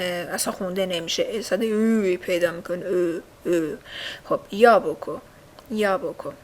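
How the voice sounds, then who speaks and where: A woman in the middle of her range walks learners through a language lesson. She says each word slowly and repeats it for practice. A faint hiss of noise sits under her voice. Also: mid-range voice. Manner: patient, repeats words slowly and drills learners. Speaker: language teacher.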